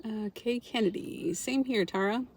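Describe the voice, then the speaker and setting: A middle-aged woman from Los Angeles, California, with a voice on the high side and a measured pace, hosts a casual livestream against slight background noise. She reads viewer comments for her frugal-living channel, speaks to viewers by name, and often laughs.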